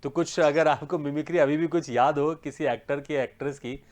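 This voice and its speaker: A male news-channel host with a slightly high voice. He asks long, winding questions, repeating words as he goes, and laughs easily. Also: steady tone, normal speed. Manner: laughs often, encouraging. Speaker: host, interviewer. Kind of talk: TV interview.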